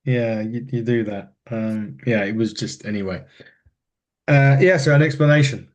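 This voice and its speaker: A man co-hosting a podcast in casual chat about wrestling, rambling and animated, often laughing and restarting sentences. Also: mid-range voice, moderate pace. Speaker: podcast co-host.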